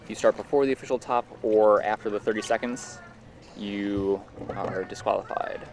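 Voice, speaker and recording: An American man does live sports commentary in a lowish voice, explaining at a relaxed, moderate pace. He uses many fillers, and there's slight noise in the background.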